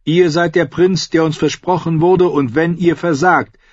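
A man's voice: on the high side, steady tone, unhurried, no echo, muffled recording, pitched above the performer's own voice. A man voicing a fervent red priestess. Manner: raised, fervent, insistent. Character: commanding, fiercely intense female red priestess.

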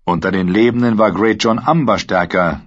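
A man narrating an audiobook with a steady, dramatic reading. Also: on the low side, moderate pace. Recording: dull lo-fi recording.

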